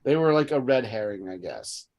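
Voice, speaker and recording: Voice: medium pitch, expressive, normal speed, a little mellow. A podcast co-host casually recapping a TV episode, rambling with lots of restarts. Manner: rambling, with frequent restarts and fillers.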